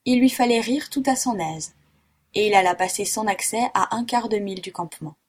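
A woman reading a classic novel aloud in a steady, even narration. Her voice is husky and breathy, pitched in the middle range. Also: a little fast. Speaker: audiobook reader. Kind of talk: storybook narration.

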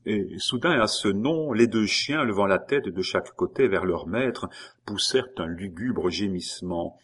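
A man reading a classic novel aloud in a measured, expressive way. His voice sits low, and the narration is steady and unhurried. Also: breathy edge. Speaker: audiobook narrator.

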